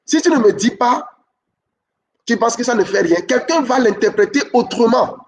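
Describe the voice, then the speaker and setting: A man giving relationship advice to camera, repeating his key points and often checking in with a quick "ok?". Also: very high-pitched, animated, far from the mic.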